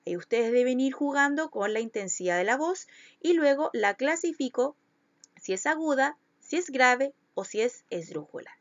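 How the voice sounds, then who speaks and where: A woman's voice: sits high, lively intonation, normal speed, dry recording, lo-fi sound. A woman schoolteacher, giving a recorded lesson to children and patiently stretching out syllables to show where the stress falls.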